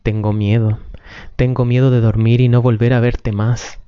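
A man's voice: medium pitch, level tone, moderate pace, clean tone, no room sound, close to an everyday voice. A man reading the part of a frightened, unhappy man who anxiously begs his lover not to let go. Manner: anxious, imploring. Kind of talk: amateur script reading. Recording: dull lo-fi recording.

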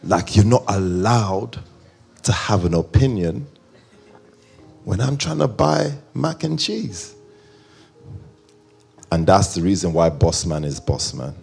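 A man's voice: sits low, very animated, slow, vocal fry, long pauses, a little mellow, husky, faint music behind. A male pastor preaching a conversational sermon with joking asides and rambling tangents.

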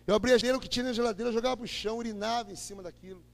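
A man with a Brazilian Portuguese accent preaching his testimony, swinging between loud declarations and low murmurs, heard in an echoey hall. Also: very fast, gravelly. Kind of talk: impassioned testimony sermon. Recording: echoey hall with long reverb.

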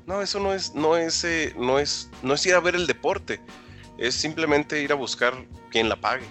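A man's voice: a little high, moderate pace, fairly bright tone, faint music behind. A man co-hosting casual sports talk, opinionated and often repeating words as he searches for them. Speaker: co-host.

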